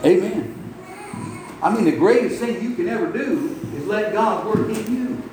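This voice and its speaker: High-voiced preacher, echoey hall. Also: male voice, animated, normal speed. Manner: folksy, exclamatory, peppered with "amen" and "man". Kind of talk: sermon. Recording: echoey room with faint background noise.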